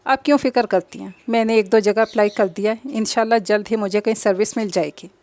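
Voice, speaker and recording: A woman's voice: mid-range voice, steady tone, fast, darkish tone, natural voice. A woman reading aloud, voicing a bold, determined young woman who reassures her older sister firmly. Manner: firm, reassuring.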